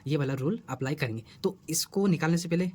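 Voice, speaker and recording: A man's voice: fairly high pitch, fast, a little mellow, husky. A man teaching a math lesson at a board, who keeps asking his students questions and answering them himself. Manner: repeats questions to the students, coaxing.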